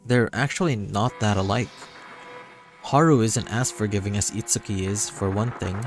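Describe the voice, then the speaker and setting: On a livestream, a man with a lowish voice narrates a visual novel at a moderate pace, now and then stumbling and going back to reread. Music plays behind him throughout.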